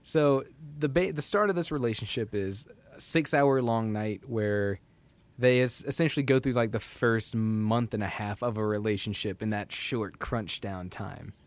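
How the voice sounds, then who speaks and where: A man of twenty-three hosting a casual book discussion, retelling the plot with lively asides. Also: lowish voice, moderate pace, no echo. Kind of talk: casual book-club chat.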